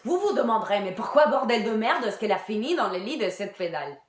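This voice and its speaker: A woman's voice: on the high side, sing-song, quick pace, roomy sound. A woman playing a bitter, crude Irish woman. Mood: sardonic. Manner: crude, sardonic, drops to whispers. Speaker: actress in a one-woman show. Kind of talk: theatre monologue.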